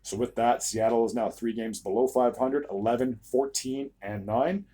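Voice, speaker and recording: Hosting a solo hockey recap video, a young man speaks with a warm, slightly raspy and tired voice after recording several videos in a row. His pitch is medium and his intonation fairly even at a moderate pace, and he stumbles over player names and fills gaps with "uh."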